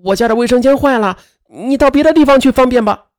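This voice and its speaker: A man voicing a panicked young woman who is hiding a lover, asking sharp, flustered questions. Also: extremely high pitch, quick pace, pitched above the performer's own voice.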